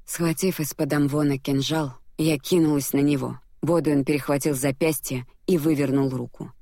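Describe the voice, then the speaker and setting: Low-voiced woman reading an audiobook. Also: fairly even intonation, moderate pace, warm tone, no room sound, clean studio sound. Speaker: audiobook reader. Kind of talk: scripted first-person narration.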